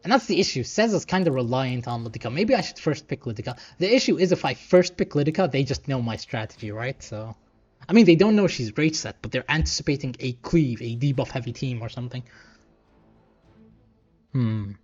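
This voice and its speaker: Male streamer, casual play-by-play, very animated pitch, thinks aloud over game music, slightly dull audio. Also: brisk, husky. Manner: thinking aloud, muttering asides. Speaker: gaming streamer. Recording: dull lo-fi sound, music behind.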